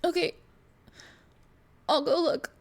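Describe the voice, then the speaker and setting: A woman's voice: sits high, fairly even intonation, takes it slowly, creaky, voice pushed up, exaggerated voice. A woman voicing a sad, timid little fawn-legged girl in a tabletop game, with simple childlike phrases.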